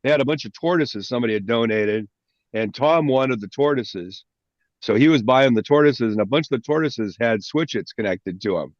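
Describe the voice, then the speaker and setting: A man's voice: medium pitch, expressive, moderate pace, no echo. A man hosts a casual hobby meetup over a video call, wandering through anecdotes with plenty of restarts. His call audio is dull and lo-fi, and the sound is completely dry. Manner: chatty storyteller, frequent restarts. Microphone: video call microphone.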